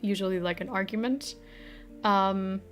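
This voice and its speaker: Woman streamer, unhurried, swears casually while puzzling, soft music behind. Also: medium pitch. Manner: loose and profane, muttering at puzzle pieces. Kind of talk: casual live-stream chat.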